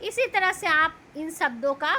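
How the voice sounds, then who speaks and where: A woman teaching a children's lesson, reading long lists of words one at a time in a careful, deliberate way. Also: extremely high pitch, expressive, sharp tone, a little hiss or hum. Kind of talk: slow Hindi vocabulary lesson, reading word lists.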